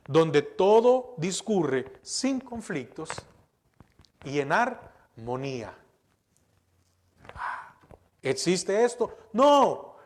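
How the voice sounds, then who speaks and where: A middle-aged male pastor preaching with a fairly high voice. He puts questions to the congregation and answers them himself, stressing his points with repeated words. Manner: emphatic, repeats words and restarts. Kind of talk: sermon.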